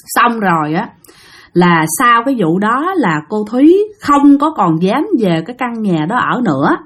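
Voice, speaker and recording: A woman's voice: on the high side, sing-song, moderate pace, a bit bright, husky. A woman with a Southern Vietnamese accent telling a ghost story in a chatty way, talking straight to her listeners. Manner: chatty, addressing listeners directly, acting out voices.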